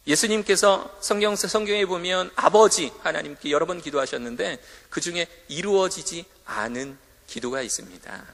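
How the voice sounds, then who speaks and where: A man's voice: fairly high pitch, pushed and bright. A man preaching a sermon to students in a school chapel, telling stories with animation and acting out the voices he quotes. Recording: hall reverb.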